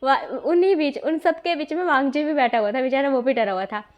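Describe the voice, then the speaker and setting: Young woman reading out a fan story, high voice, chatty and rambly. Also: brisk, a little mellow. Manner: chatty, repeats filler phrases. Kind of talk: casual fanfiction narration.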